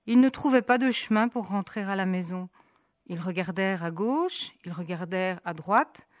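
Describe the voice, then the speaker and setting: A woman's voice: medium pitch, no echo. Dry-voiced woman telling a story. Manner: rhythmic, repetitive, dramatic pauses. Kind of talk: storytelling narration.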